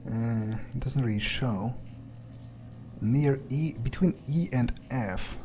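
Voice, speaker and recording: A man with a mid-range, mellow voice talks slowly over slight background noise. He's a gamer in character as a cocky, jaded vampire outcast, muttering his thoughts hesitantly and with plenty of swearing.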